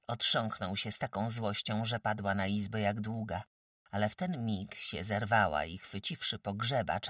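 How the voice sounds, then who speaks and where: A man narrating a classic novel as an audiobook, with dramatic, expressive storytelling. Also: lowish voice, no echo, clean studio sound, far from the mic.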